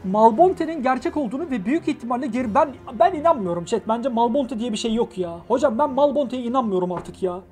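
Male streamer, high voice, jokey and excitable, reads a story game aloud, faint music behind. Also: fast talker, hardly any pauses. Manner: joking and excitable, bursts into shouting and swearing. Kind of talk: live-stream play-through, reading a story game aloud and chatting.

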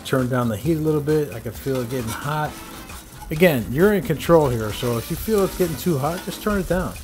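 A man's voice: on the high side, a little fast, over music. A man hosting his cooking channel, casually talking viewers through each step as he cooks at an outdoor griddle. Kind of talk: casual cooking demo narration.

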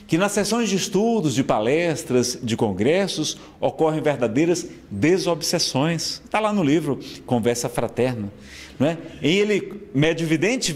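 Brazilian male speaker, slightly high pitch, earnest and persuasive lecture delivery. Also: darkish tone. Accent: Brazilian Portuguese. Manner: earnest, persuasive, checks in with listeners often. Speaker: spiritist speaker. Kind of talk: lecture announcement.

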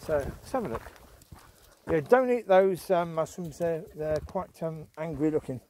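A man's voice: on the high side, unhurried, a little mellow, slight background noise. A man chatting casually as he walks his dogs outdoors along a countryside path, rambling and often restarting or trailing off. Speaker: vlogger and dog owner. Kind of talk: walk-and-talk vlog.

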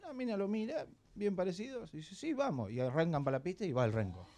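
A man with an Argentine accent telling jokes on a TV show, acting out characters in squeaky voices. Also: quick pace. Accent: Argentine Rioplatense. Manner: animated, acts out characters in high squeaky voices. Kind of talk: stand-up joke telling on TV. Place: TV studio.

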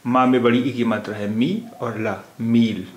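A man's voice: medium pitch, steady tone, unhurried, echoey room, rough recording. A man teaching a language lesson, patiently spelling out letters and repeating their sounds. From India. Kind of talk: slow spoken lesson.

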